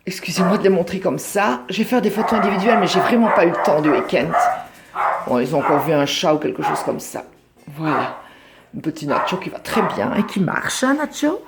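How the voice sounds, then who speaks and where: A woman with a low, gravelly voice talks casually to her phone while showing a litter of puppies at home, cooing fondly at each one. Dog sounds and clear background noise run under the phone recording. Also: a little fast. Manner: coos fondly at the puppies between explanations. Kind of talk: casual phone video commentary. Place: indoors at home, near a radiator. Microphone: phone held in hand.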